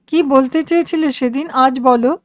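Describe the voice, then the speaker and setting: Hushed trembling woman of sixty, read by a woman, wistful, high, close and dry. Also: normal speed, no room sound, natural voice. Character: sixty-year-old retiring woman teacher, wistful.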